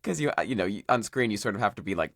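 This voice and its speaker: A man hosting a podcast interview from a basement studio, enthusiastic and quick to laugh. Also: on the low side, fairly bright tone, no room sound. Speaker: podcast host. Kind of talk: casual interview chat. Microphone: studio mic.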